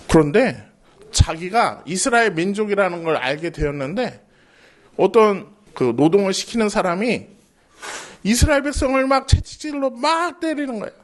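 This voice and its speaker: A high-voiced man preaching with bright, storytelling energy. He asks his listeners quick questions and answers them himself, keeping the sermon lively. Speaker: junior pastor.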